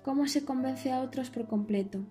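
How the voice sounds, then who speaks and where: A woman reading an audiobook, in a measured storytelling manner. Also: sits high, dark tone, soft background music. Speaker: audiobook narrator. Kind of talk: scripted audiobook narration.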